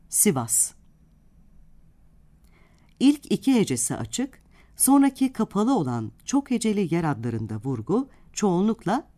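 A woman presenting a scripted radio language lesson, reading out example words one at a time and slowly spelling out syllables. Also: deep voice, warm tone. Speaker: radio host and Turkish language teacher.

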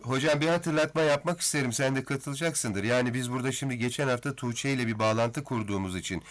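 A man's voice: mid-range voice, fast talker. A man hosting a radio interview, friendly and chatty with his guest. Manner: friendly, addresses guest as teacher. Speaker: radio host.

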